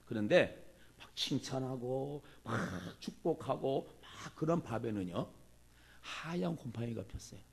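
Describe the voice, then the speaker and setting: A man preaching a sermon as a pastor, animated and acting out the people he quotes. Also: mid-range voice, unhurried, vocal fry, breathy edge. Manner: animated, acts out quoted speech.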